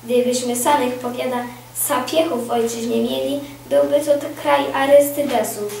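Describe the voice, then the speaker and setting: A woman reading a historical novel aloud at a library contest, giving the characters lively voices. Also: sits high, moderate pace, creaky, slight background noise. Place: library room. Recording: very echoey room, mic far off.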